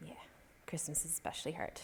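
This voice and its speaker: A woman in her twenties speaking softly and reflectively in a documentary interview. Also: fast talker, in a whisper, big-room sound. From Ireland. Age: 20s.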